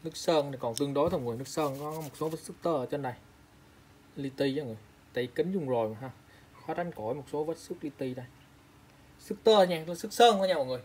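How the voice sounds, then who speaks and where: Casting: man from Vietnam, slightly high voice, chatty seller talking to viewers, faint room noise behind. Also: racing. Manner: chatty, repeats prices and specs, calls out to viewers. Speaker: online seller of used eyeglasses. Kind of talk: casual product showcase.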